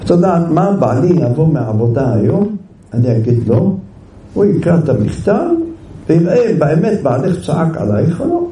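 A man playing a kindly neighbor woman, gentle and reassuring; echoey, from afar. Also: a little high, sing-song, voice pushed up. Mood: soothing. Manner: gentle, soothing. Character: kindly middle-aged neighbor woman, soothing. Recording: roomy, distant, faint background hiss.

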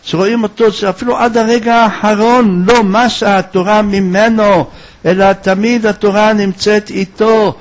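Man, rabbi's lesson, animated storyteller, high voice, dull lo-fi recording. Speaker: rabbi teaching a class.

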